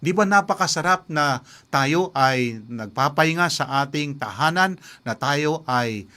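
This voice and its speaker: Male preacher as scheming farmer father, hushed and coaxing, storybook aside in a sermon. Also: a little high, expressive, measured pace.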